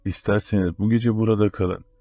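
A man voicing an older bearded village religious healer who gives calm, grave instructions. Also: on the low side, fairly quick.

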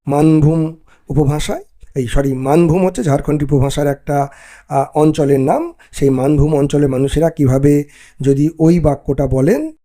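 A male teacher giving a recorded exam-prep lesson, explaining step by step and often pausing with "ah" between points. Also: on the high side, fairly even intonation, dark tone.

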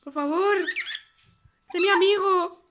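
A woman's voice: slow pace, background noise. A woman with a Spain Spanish accent voicing a pleading male cockatiel who begs the neighbours to be his friend. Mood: desperate. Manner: begging, whiny, high-pitched.

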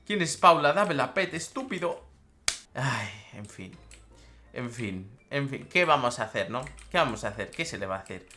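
A young woman giving excitable, chatty gameplay commentary as a gaming YouTuber, repeating phrases and bursting into squeals and laughs. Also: a bass voice, normal speed.

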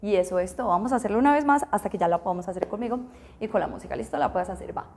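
A woman's voice: medium pitch, animated, racing, darkish tone. A woman teaching a belly dance class, explaining arm and hip moves and counting the beats aloud, often checking in with her students.

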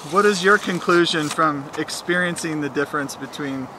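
A man talking casually to a handheld camera outdoors, his voice sitting a little high for a man. He jokes and narrates as he walks around a rainy race course. Clear outdoor noise and passing traffic run under everything he says. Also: normal speed. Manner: chatty, jokey, narrating while walking. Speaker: filmmaker documenting a race. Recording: noisy outdoor ambience with traffic.

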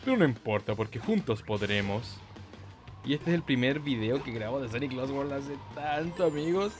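A gaming YouTuber with a Chilean Spanish accent jokes and swears his way through casual gameplay commentary over video game music. His mid-range voice moves at a normal speed with lively intonation, and he throws in silly sound effects and bits of singsong.

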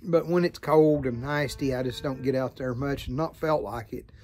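A man in his fifties with an American Southern accent, chatting to camera in an unhurried, folksy, rambling way. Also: mid-range voice, fairly even intonation, a little mellow. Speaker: vlogger and hobby pipe maker. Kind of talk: casual chat to camera. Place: outdoors by a farm field.

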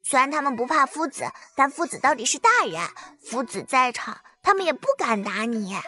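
A woman's voice: high-pitched, sing-song, normal speed, sharp tone, heavily acted. A woman voicing a bossy, fierce little girl who scolds indignantly in an audio drama.

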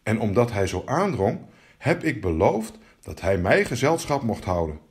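A man's voice: on the low side, very animated, moderate pace. A man doing a stammering, spoiled princess. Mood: pleading. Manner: stammering, whiny. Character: young princess, spoiled and fearful.

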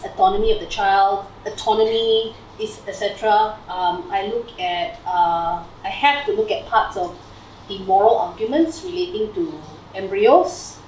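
A young woman from Malaysia, speaking with a Malaysian English accent in a medium-pitched, darkish voice, casually presents her PhD research to friends in the living room, slide on the TV. She's chatty, with many fillers and "lah" and "right?" at phrase ends. Roomy, distant audio with faint hiss comes from a far camera across the room.

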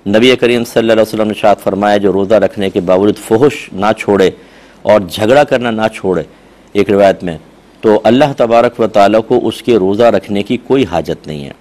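A man's voice: lowish voice, normal speed, a little mellow. A male Islamic scholar with a sore throat, earnestly explaining religious rulings in answer to questions. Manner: earnest explanatory tone, voice jumps up when quoting people. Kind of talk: religious Q&A talk.

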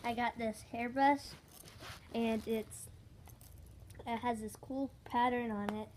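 A young girl, the host's friend, showing her purchases in a casual bedroom video, halting and repeating words as she talks. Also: on the high side, fairly even intonation, darkish tone, a little hiss or hum. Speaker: guest friend. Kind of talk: casual haul video chat. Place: small bedroom indoors. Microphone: phone camera held nearby.

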